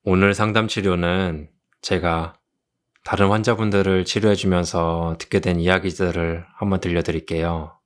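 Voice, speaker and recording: A man doing an ASMR role-play as a kind therapist, speaking gently and consolingly like a tender romantic leading man. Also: sits low, steady tone. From South Korea. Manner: gentle, consoling, slow storytelling. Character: kind, soothing male therapist comforting a patient. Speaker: ASMR role-play performer as a counseling doctor.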